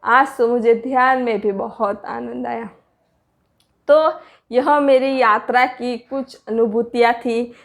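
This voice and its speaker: A woman's voice: a little high, steady tone, takes it slowly, vocal fry. A middle-aged woman earnestly recounting her meditation experiences and preaching to listeners in a repetitive, direct way. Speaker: spiritual speaker sharing meditation experiences. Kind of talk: personal spiritual talk.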